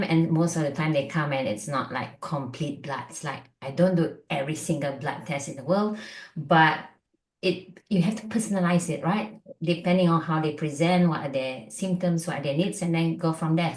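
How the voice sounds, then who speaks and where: Middle-aged Malaysian-born woman, low voice, chatty guest doctor, roomy sound. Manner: chatty, lots of fillers and likes. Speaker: functional medicine doctor, guest. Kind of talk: casual interview chat.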